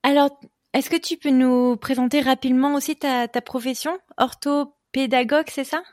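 A woman hosting a podcast interview, chatty and quick to joke. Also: sits high, flat delivery, darkish tone, no room sound, studio quality. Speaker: podcast host.

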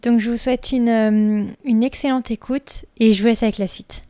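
A woman's voice: a little high, fairly even intonation, normal speed, dark tone, smooth, no room sound, studio quality. A woman hosting a podcast, informally asking a guest about her life in a friendly, casual chat. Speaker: podcast host.

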